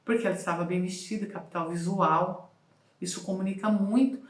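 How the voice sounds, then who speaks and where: Animated Brazilian-style coach woman, echoey room. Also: mid-range voice, brisk. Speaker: communication coach. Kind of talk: casual talking-head advice.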